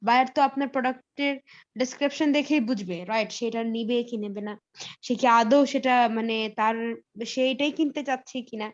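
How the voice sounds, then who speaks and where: A woman with a high voice teaches English in a live online class. She explains step by step, pausing on fillers and slipping in English phrases. Her audio sounds a little dull and lo-fi, like a computer mic on a call.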